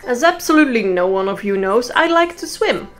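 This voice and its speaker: A young woman with a fairly high voice tells comic stories with dry, sarcastic asides. She talks in a loose monologue while soft music plays in the background. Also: expressive, fairly quick. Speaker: comedic storyteller. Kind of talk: comedic storytime monologue. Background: faint music.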